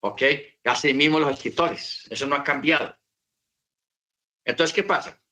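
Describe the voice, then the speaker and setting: A man's voice: on the high side, measured pace, sharp tone. A man teaching about the Bible in an unscripted talk, repeating his points and asking rhetorical questions.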